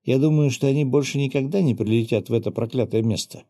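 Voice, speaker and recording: A man's voice: mid-range voice, fast talker, dark tone, pitched above the performer's own voice, close to an everyday voice. A man voicing a scornful male comrade who scoffs at his enemies in an audiobook.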